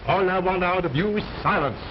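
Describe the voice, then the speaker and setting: A man's voice: high-pitched, fairly quick, natural voice. Man as pompous ventriloquist, formal stage patter, exasperated straight man, muffled old film sound, faint noise. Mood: scolding.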